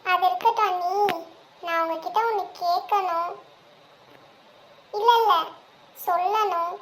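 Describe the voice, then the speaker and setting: Woman playing a teasing cartoon little sister, super high voice, playful and reassuring, faint hiss behind. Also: steady tone, a little slow. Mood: hesitant. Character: cheerful teasing young woman, the younger sister. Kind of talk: cartoon voice acting.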